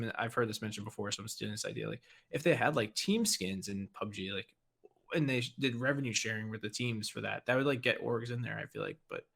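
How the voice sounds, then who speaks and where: A man's voice: lowish voice, vocal fry, a bit bright, slightly rough. A man co-hosting a gaming podcast in casual chat, rambling with lots of "like" and "you know". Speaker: podcast co-host.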